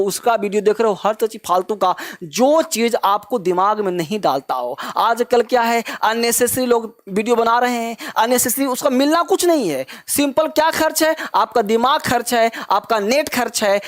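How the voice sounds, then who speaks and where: A man teaches a spoken English class. He keeps firing the same questions back at his pupils and repeating the answer. He calls them "beta" in a fatherly way. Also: high voice. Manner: drills students with repeated questions.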